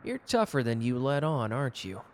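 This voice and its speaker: This man's natural, slightly mellow mid-range voice swings widely in pitch at a moderate pace. He plays a cocky, gallant customer with a protective streak, flirting teasingly and suavely in a romantic roleplay audio drama, an intimate one-sided exchange with a friendly, teasing mood.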